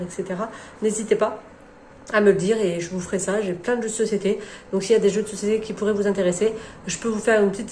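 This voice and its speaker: A woman's voice: medium pitch, a little mellow, slight background noise. A woman in her forties from France, chatting casually to camera in a rambling, self-mocking way with many hesitations. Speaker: book vlogger.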